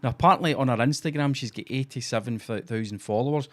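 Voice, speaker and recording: A man's voice: mid-range voice, quick pace, fairly bright tone. A Scottish man co-hosting a podcast, telling sweary stories in a sardonic, casual way. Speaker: podcast co-host. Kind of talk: casual comedy chat.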